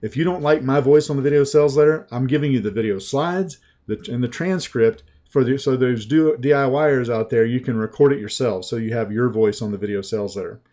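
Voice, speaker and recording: Here a Southern-accented man acts as a sales coach giving an easygoing, folksy webinar pitch. He takes his time, keeps it conversational, and starts lines over.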